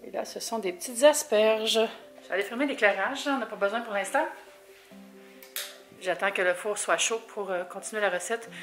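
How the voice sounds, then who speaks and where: A young vlogger from Quebec chats casually with a Québécois French accent inside her apartment, rambling, laughing often, and now and then dropping in English words. Her mid-range voice is a bit bright and moves at normal speed, with soft music in the background.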